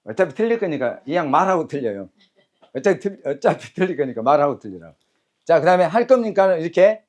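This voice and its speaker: A man teaching an English lesson in a classroom lecture style, brisk and commanding, calling out cues and having phrases repeated back. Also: a little high, sing-song, darkish tone.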